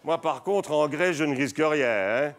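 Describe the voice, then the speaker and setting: A man's voice: a little high, moderate pace, heavy background noise. A man performing a chatty stand-up routine, talking straight to the audience in a theater. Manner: chatty, addresses audience directly. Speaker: stand-up comedian. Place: theater stage before a live audience. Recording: live stage show with audience laughter.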